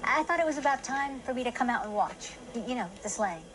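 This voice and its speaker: A woman's voice: high voice, animated, fast talker, crowd noise, poor audio. A middle-aged woman playing an earnest, worried suburban mother in a TV drama. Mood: eager, earnest. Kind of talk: TV drama acting. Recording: TV show audio with loud music.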